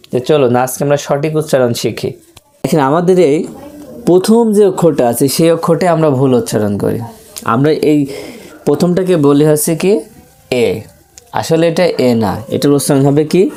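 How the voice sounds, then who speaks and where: Male teacher, mellow voice, patient drilling lesson, keeps repeating letters for the class. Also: a little high. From Bangladesh. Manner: asks rhetorical questions, drills pronunciation by repetition. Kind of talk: grammar lesson for beginners.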